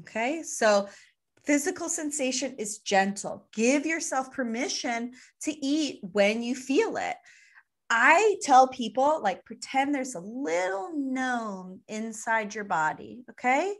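A woman's voice: high voice, lively intonation, slow pace. A woman co-hosting a podcast who explains ideas playfully with vivid analogies. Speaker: podcast co-host. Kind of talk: casual explanatory chat.

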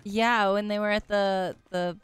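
A woman's voice: medium pitch, fairly even intonation, unhurried, smooth, no room sound, soft background music. A woman streamer in in-character role-play chat, easygoing with short replies.

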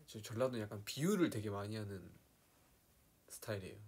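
A young man hosting a casual live stream, his voice low-set and a little husky. He talks softly, often dropping to near-whispered asides, and now and then slips into playful impressions of regional speech. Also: lively intonation, brisk. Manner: soft-spoken, drops into quiet asides, playfully mimics regional dialects.

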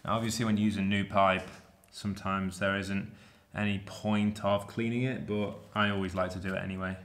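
Here the plumbing tutor, an Englishman in his thirties renovating an empty room, speaks briskly in a fairly low, slightly bright voice with a flat delivery, though his manner stays casual and relaxed as he works on the pipes. A close handheld or propped camera captures echoey sound and some noise.

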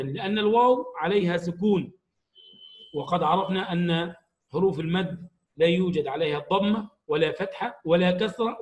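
High-voiced man teaching a grammar lesson. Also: low-quality recording. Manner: slow, explanatory, stresses each example word. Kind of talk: grammar lesson for young pupils.

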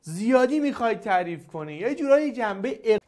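A male teacher giving a classroom grammar lesson, coaxing and quizzing his students in a lively way. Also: high-pitched.

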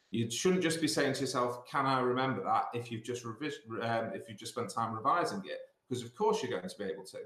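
A middle-aged British sixth form director gives an assembly talk on exam revision over a video call, offering instructive advice and repeating points for emphasis. His voice is medium-pitched and a bit bright. He's in a small indoor office on a computer mic, and the call sounds roomy and echoey.

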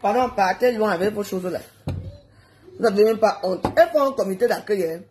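A woman, hosting a heated live stream and scolding her viewers with rapid rhetorical questions. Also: medium pitch, a little mellow, roomy sound, slight background noise.

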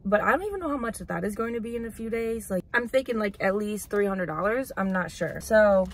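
A woman in her twenties sits in a parked car, rambling chattily for a vlog recorded by a camera on the dashboard. Her mid-range voice is animated and a little fast, peppered with lots of "like" and "literally."

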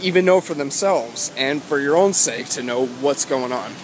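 A man's voice: mid-range voice, moderate pace. Young New man, noisy street. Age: 20s. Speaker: guitar vlogger. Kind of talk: casual advice vlog. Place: outdoors walking along a city street. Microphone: phone at arm's length, wired earbuds in. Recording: loud wind and street noise on phone mic. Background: wind, traffic, urban ambience.

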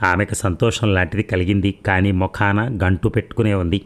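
A man narrating a romance novel aloud, with steady storytelling that slows for the dialogue. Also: deep voice.

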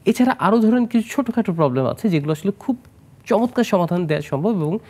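A man's voice: high voice, expressive, quick pace, mellow. A plastic surgeon from Bangladesh, a man, explaining treatments as a guest in a studio health interview, mixing in English medical terms. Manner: explanatory, mixes English medical terms, asks host questions.

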